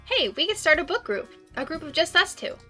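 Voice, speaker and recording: A woman's voice: extremely high pitch, sing-song, fairly quick, pushed and bright, faint music behind, voice pushed up, full character voice. A woman voicing a cheerful, caring, bubbly young woman in a visual novel, with a perky, encouraging way of talking. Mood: upbeat.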